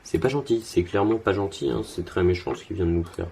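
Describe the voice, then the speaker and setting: A man's voice: sits low, fast talker, gravelly, darkish tone, a little hiss or hum. A young man casually commenting on his card game as he plays, thinking aloud with lots of fillers and restarts, tired and yawning.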